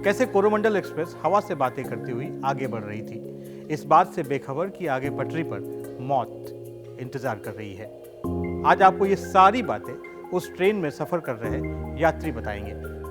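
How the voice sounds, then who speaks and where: A man reporting the news in a measured, dramatic scripted narration. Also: medium pitch, big pitch swings. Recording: voice-over with loud background music.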